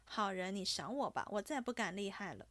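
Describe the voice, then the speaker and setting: A woman's voice: mid-range voice, animated, moderate pace, dry recording. Woman doing a wheedling young nobleman. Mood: pleading. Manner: coaxing, wheedling, then blustering.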